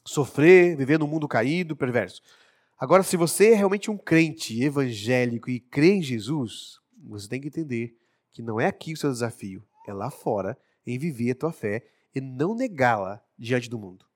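A man's voice: medium pitch, animated, moderate pace, darkish tone. A man preaching a sermon with emphasis, acting out what the people in his stories say. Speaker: pastor.

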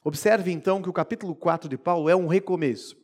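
A male preacher giving an expressive sermon, moving between hushed and emphatic delivery. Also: sits high, quick pace.

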